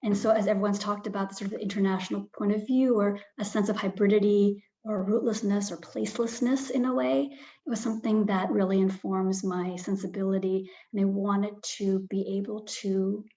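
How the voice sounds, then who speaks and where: A woman's voice: mid-range voice, fairly even intonation, normal speed, mellow. A woman publisher speaking on a panel, thoughtful, with frequent ums and restarts. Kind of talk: panel talk. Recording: slightly dull lo-fi sound.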